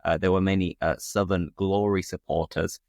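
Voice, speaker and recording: A man's voice: deep voice, fairly even intonation, normal speed, gravelly, a little mellow, no room sound. A man. He hosts a casual interview in a conversational, joking way. The recording is very dry and close. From West Yorkshire, England. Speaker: host, interviewer.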